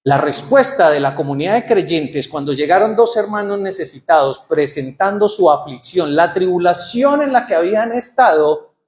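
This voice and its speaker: A man's voice: sits high, animated, normal speed. A man preaching a sermon in church, asking the congregation questions and reading scripture aloud with rising emphasis. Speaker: pastor.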